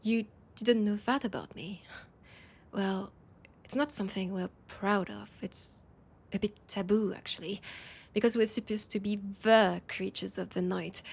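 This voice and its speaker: Breathy and husky, a woman with a French accent confides hesitantly as a weary, wry vampire in an intimate audio roleplay. Her mid-range voice has a darkish tone, and here she sounds confiding and teasing.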